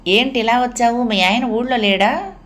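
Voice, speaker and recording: A woman voicing a caring woman friend who speaks softly and unhurriedly, in a storybook reading. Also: on the high side, a little hiss or hum, lightly acted. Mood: teasing. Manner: soft, unhurried, comforting.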